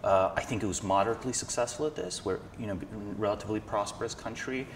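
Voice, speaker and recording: A Slovenian man in his thirties, a guest in an interview, explains his ideas in a thoughtful, analytical, conversational way. He talks fast in a lowish voice. The recording is from an echoey hall with background noise.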